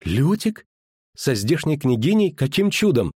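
A sharp-tongued young girl, teasing and sulky, done by a man lifting his low voice. The reading sits higher than his narration, dry and close-miked. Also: expressive, normal speed, husky, dry recording.

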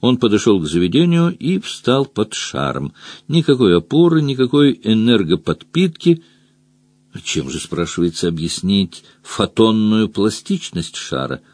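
A man's voice: measured pace, no room sound. A man narrating a fantasy novel as an audiobook, reading expressively. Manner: expressive reading, pitch rising and dropping with the story.

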